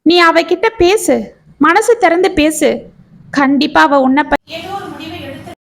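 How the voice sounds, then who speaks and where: Woman doing a gentle, reassuring middle-aged man. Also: very high-pitched, moderate pace, gravelly, voice pushed up. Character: kind, steady middle-aged male neighbour.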